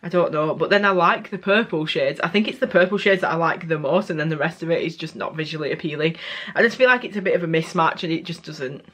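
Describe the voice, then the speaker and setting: A woman's voice: low voice, quick pace, fairly bright tone. A young woman beauty vlogger giving a casual, candid product review, often correcting herself mid-sentence.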